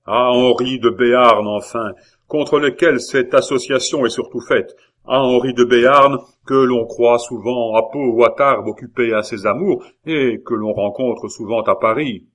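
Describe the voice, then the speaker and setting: A man's voice: mid-range voice, measured pace, fairly bright tone. A man voicing a fiery, zealous male innkeeper giving a rousing speech in an audiobook. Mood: impassioned. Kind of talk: audiobook character reading.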